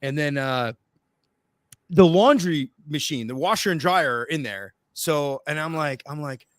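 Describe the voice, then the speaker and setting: A man tells a story in a loose, chatty way, slipping into voices and tripping over restarts. His pitch swings widely and sits a little high for a man. The recording is close and dry, with almost no room sound. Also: unhurried, dry recording. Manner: animated, acts out voices, many fillers and restarts. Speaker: podcast guest telling a story. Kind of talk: casual storytelling.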